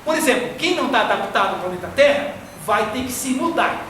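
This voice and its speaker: A man from Florianópolis with a Brazilian Portuguese accent, giving a slow, didactic spiritist lecture. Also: extremely high pitch, lively intonation, a bit bright. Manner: didactic, slow and deliberate, fond of diminutives. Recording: echoey hall from far off, faint noise.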